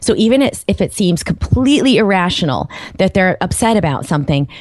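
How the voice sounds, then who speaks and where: A woman who is an osteopathic physician, explaining as an interview guest in an earnest, animated way. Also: on the low side, fairly quick, no room sound, studio quality. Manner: animated, earnest, drops into quoted voices.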